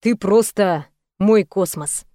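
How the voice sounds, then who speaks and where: A woman voicing a gentle, tender young man in an audiobook, speaking softly. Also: medium pitch, takes it slowly, no room sound, clean studio sound, close to an everyday voice. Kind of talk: audiobook reading.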